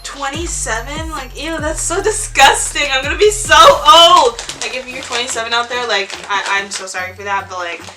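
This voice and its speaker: A teenage girl talks to her camera in a loose, rambling vlog, filling her sentences with "like" and squealing little "ew"s. Her voice sits a bit high. A music track plays clearly beneath her. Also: normal speed, few pauses. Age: teens. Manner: chatty, rambling, lots of "like" and "ew". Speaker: vlogger. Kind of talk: casual chat to camera. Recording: music playing under the voice.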